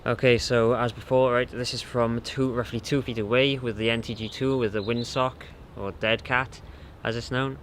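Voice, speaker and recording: A man's voice: medium pitch, little pitch movement, normal speed, hardly any pauses, a bit bright. A young man giving a casual, rambling, hesitant microphone test outdoors, with wind on the mic. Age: young adult. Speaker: audio gear reviewer. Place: outdoors in a windy garden. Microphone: shotgun mic or handheld recorder on a stand.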